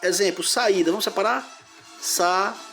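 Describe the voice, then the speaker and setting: A man teaches grammar in a patient, step-by-step way. He repeats each word and sounds it out syllable by syllable. Soft music plays faintly behind him. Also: high voice, expressive, moderate pace, gravelly. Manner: explains step by step, repeating words and splitting syllables. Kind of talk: grammar lesson.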